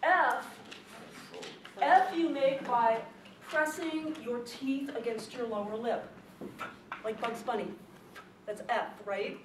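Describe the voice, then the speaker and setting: A woman teaching a classroom speech lesson on pronunciation, lively and emphatic, repeating her key points. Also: fairly high pitch, takes it slowly. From not from the Chicago area. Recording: echoey classroom, distant mic, background noise.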